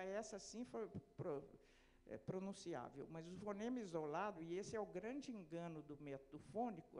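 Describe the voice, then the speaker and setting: Woman, academic lecture, explanatory, rhetorical questions, middle pitch. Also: a little mellow. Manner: explanatory, asks and answers own rhetorical questions. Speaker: literacy education lecturer.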